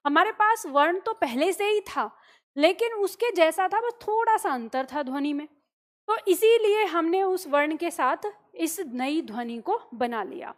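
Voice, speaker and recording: A Hindi teacher with a high-pitched voice leads a grammar lesson in classroom fashion. She moves through each point slowly, posing questions to her audience and then supplying the answers herself.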